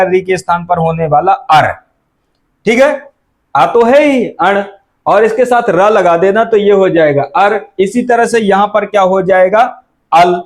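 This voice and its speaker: A middle-aged man teaching Sanskrit grammar, asking questions and answering them himself and repeating the key terms. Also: sits high. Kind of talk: explanatory lecture.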